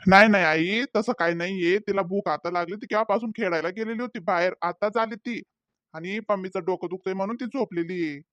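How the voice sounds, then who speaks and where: A man voicing a patient father in a cartoon, soothing his daughter and trying to calm his quarreling family. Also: high voice, brisk, dry recording, highs cut off. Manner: soothing, placating. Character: patient, placating young father. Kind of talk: cartoon voice acting.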